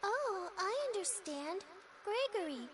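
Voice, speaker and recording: Spacey childlike girl, very high voice, slow drawl, noisy game audio. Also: sing-song, fairly bright tone, heavily acted. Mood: naive, dreamy. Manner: slow, spacey, sing-song. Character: dreamy, childlike girl, drowsy and naive.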